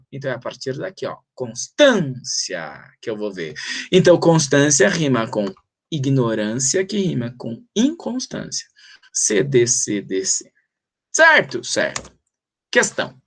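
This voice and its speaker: A middle-aged man with a Brazilian accent teaching a literature lesson, reading verse aloud and drawing out syllables as he counts the meter. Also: sits high. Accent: Brazilian Portuguese. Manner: animated, drawn-out syllables when reading verse. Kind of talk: literature lesson for exam prep.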